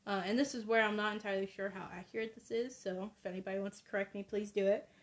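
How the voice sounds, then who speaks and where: A woman's voice: medium pitch, steady tone, fast talker. A woman co-hosting a casual podcast, talking in a hesitant, hedging way with frequent ums. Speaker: podcast co-host.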